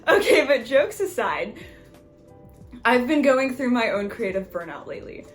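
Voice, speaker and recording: A woman's voice: on the high side, sing-song, normal speed, faint music behind. A woman artist narrating her vlog in a friendly, chatty, self-deprecating way. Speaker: artist and video creator.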